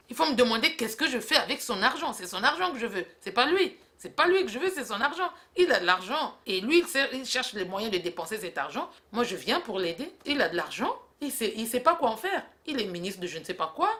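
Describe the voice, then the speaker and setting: A young woman, her voice sitting a little high. She talks in quick comic exchanges, teasing her partner and breaking into laughter or scolding bursts. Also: very animated, bright, forceful tone. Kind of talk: comic two-woman dialogue.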